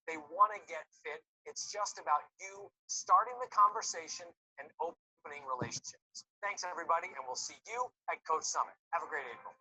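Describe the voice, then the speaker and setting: A man's voice: sits high, sharp tone, breathy edge, low-quality recording. Rallying man in a corporate video. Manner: emphatic, rallying. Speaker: company leader closing a recorded announcement. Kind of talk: scripted corporate sign-off.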